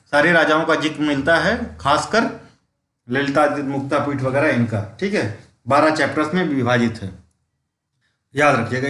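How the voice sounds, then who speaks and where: A man's voice: a little high, fairly bright tone. A man, giving a step-by-step exam-prep history lecture, asking questions and answering them himself. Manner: explains step by step, asks and answers own questions, keeps saying "ठीक है"; reads English quiz questions slowly, mixes English terms into Hindi. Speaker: exam coaching teacher. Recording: echoey room.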